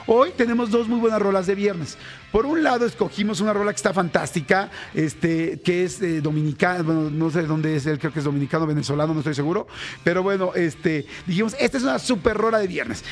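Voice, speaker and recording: A Mexican man hosts a morning radio show from the studio, his voice sitting high and bright for a man. He talks in quick, excitable bursts, tossing in asides as he reads listener messages aloud, with faint music playing behind him. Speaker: radio host. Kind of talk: lively morning radio chat.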